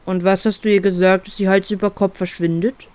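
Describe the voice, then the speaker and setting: A woman voicing a big gentle talking bear. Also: medium pitch, moderate pace, lightly acted. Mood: skeptical, calm. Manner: direct, skeptical, calm. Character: big gentle male talking bear, loyal best friend.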